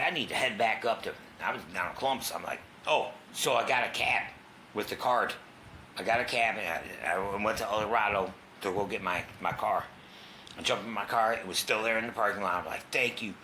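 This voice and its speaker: Middle-aged man, very low voice, bright and forceful tone, blunt storytelling, faint hiss behind. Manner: raw, candid, swears, acts out quoted voices. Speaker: guest telling his recovery story. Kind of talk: personal storytelling in a talk show. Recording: faint background noise.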